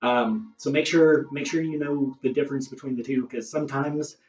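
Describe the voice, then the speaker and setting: A man's voice: medium pitch, normal speed. Man leading a yoga class in an echoey room. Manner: calm, encouraging cues with casual asides. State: out of breath. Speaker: yoga instructor. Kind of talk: guided yoga class instruction. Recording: roomy, distant, dull camera audio with faint music.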